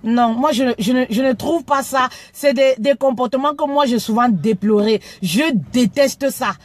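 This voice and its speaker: There's no echo around this high-voiced woman from Cameroon, who talks at a moderate pace during a casual live video. She's frank and tends to trip over words, repeating them.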